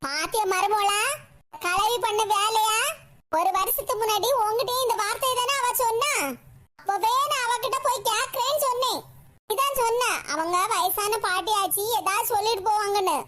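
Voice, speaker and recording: Cartoon casting: a very high, shrill old mother-in-law, voiced by a woman, fiery and bossy, with a Kanyakumari Tamil accent and rustic slang. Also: normal speed, fairly bright tone. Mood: indignant. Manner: scolding, fiery, uses rustic village slang. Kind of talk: animated comedy cartoon voice.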